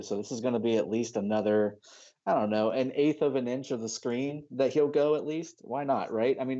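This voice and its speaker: A man's voice: mid-range voice, dark tone, muffled recording. A man casting an esports match with chatty, analytical commentary. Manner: chatty, analytical, laughs easily. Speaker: esports caster.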